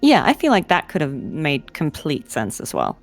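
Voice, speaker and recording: A woman's voice: sits low, wildly swooping pitch, normal speed, soft background music. A woman voice actor chatting as a guest in a giggly, self-deprecating way. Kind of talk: casual interview chat.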